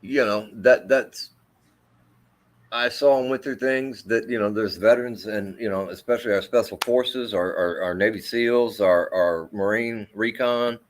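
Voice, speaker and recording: Slight background noise accompanies a middle-aged man, an army veteran, as he shares a personal story during an interview. His voice is deep and carrying, and he stumbles along with frequent fillers and restarts.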